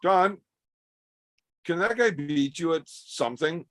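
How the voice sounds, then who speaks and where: A man's voice: fairly high pitch, expressive, takes it slowly, fairly bright tone, dry recording. A man joking around in casual chat, teasing others with crude banter while a little drunk. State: tipsy.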